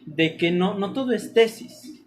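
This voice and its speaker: A woman's voice: medium pitch, animated, unhurried, darkish tone. A young woman interviewing a guest, supportive and chiming in with short agreements. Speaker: interviewer, anthropology student. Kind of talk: casual interview conversation.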